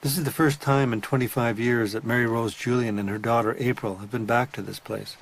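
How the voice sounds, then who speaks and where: A man conducting a documentary interview and narrating, asking measured, matter-of-fact questions. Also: medium pitch, steady tone, vocal fry, rough recording.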